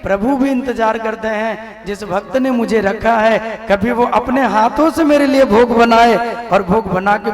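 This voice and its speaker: A man preaching a devotional sermon to a gathered audience with a North Indian accent, urging listeners to respond aloud. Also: sits high. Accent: North Indian, Vrindavan. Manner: exhorting, calls on audience to respond. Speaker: Bhagwat katha preacher. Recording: echoey hall with faint music.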